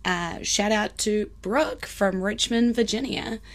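A woman's voice: mid-range voice, steady tone, slow. A woman with a broad New Zealand accent chatting casually and colloquially as a podcast host. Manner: colloquial, with Kiwi slang and Māori phrases.

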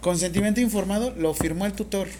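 A woman with a Mexican accent teaching a classroom of nursing students, lively and teasing, asking them questions directly. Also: mid-range voice, quick pace, background noise. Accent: Mexican Spanish. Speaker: nursing instructor. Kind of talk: classroom lecture.

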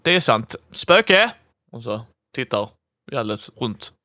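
A man playing a tabletop role-playing game, excitable, swearing and laughing with the group. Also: medium pitch, no room sound, studio quality. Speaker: player. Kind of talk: casual tabletop play.

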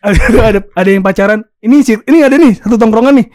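A man's voice: high voice, fast, darkish tone, dry recording, clean studio sound. A young man with a Jakarta accent chatting casually on a podcast in Jakarta slang, swearing offhandedly. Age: young adult.

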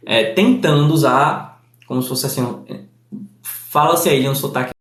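A man with a Northeastern Brazilian accent, explaining a language lesson slowly and deliberately, spelling out each example. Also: medium pitch, reverberant. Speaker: language teacher.

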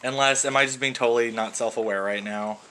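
A man's voice: medium pitch, fairly even intonation, fast, sharp tone, slight background noise. A man co-hosting a podcast, chatting casually with a friend in a laid-back way and chuckling often. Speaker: podcast co-host. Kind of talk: casual chat between friends.

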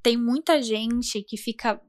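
A young Brazilian woman with a Brazilian Portuguese accent, chatting casually on a podcast with a fairly high voice. She talks with animation and acts out what friends said. The sound is dry and close, with no room around it. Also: takes it slowly, a little mellow, no room sound. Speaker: podcast co-host. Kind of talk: casual chat.

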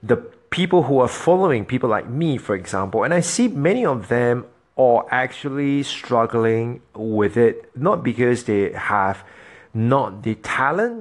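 A man from Singapore, hosting a solo podcast and talking to his listeners in an earnest, motivational way. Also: mid-range voice. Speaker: podcast host.

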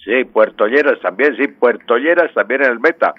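A man, a language expert on a radio show, patiently explaining words and repeating them slowly. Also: mid-range voice, expressive, no room sound. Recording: dull lo-fi radio line.

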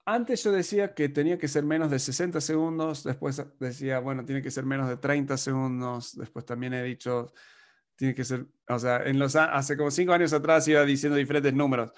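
A man's voice: medium pitch, steady tone, a little fast. A man from the United States talking casually as a podcast co-host, explaining marketing in long runs and acting out clients in quoted voices. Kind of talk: casual conversational advice.

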